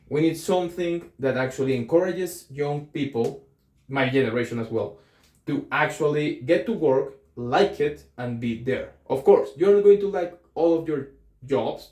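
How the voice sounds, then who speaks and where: Recorded in an echoey room, a young man with a Colombian accent vlogs reflectively, talking to camera in a casual, thinking-aloud way full of ums and self-corrections. He sounds a little high and a little slow, with a dark tone.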